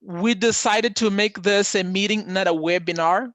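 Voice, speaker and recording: A man hosting an online meeting in a relaxed, halting way, often repeating his words. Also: sits high, dry recording. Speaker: meeting host. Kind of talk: casual video-call chat. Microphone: video call.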